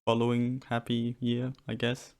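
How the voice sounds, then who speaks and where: A man's voice: medium pitch, monotone, measured pace, creaky, darkish tone. A young man from Serbia co-hosting a podcast, joking around in casual chat with lots of restarts. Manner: joking, restarts a lot, loose and playful. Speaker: podcast co-host.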